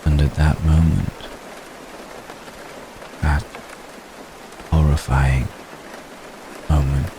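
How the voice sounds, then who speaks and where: Pitched extremely low in an exaggerated voice, a man performs a lovestruck vampire gentleman of many centuries in an ASMR roleplay, making a tender, vulnerable confession. The intimate dramatic monologue is formal, halting, soft-spoken, apologetic, and deliberately phrased, with steady rain in the background.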